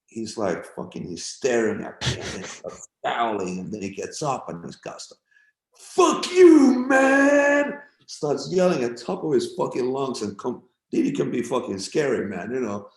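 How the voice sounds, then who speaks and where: A man's voice: on the low side, moderate pace. A middle-aged man and guest musician, laid-back and swearing freely as he tells stories and acts out quotes. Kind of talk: casual interview storytelling. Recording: roomy echo.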